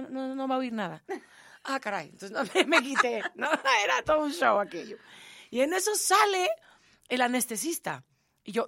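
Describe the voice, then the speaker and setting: A woman's voice: on the high side, no echo, clean studio sound. A woman in her forties with a Mexican accent, co-hosting and animatedly retelling events, acting out quotes. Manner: animated, acts out quotes and laughs. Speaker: podcast co-host. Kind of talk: casual chat.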